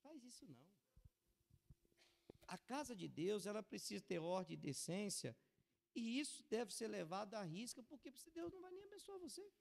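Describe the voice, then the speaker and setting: A male pastor delivers a dramatic sermon, his fairly high voice leaping and falling as he moves between hushed warnings and loud appeals. A gravelly fry roughens his tone. The long reverb of a church hall trails behind every phrase. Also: big pitch swings, moderate pace. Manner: dramatic preaching, swings from soft warnings to loud exclamations.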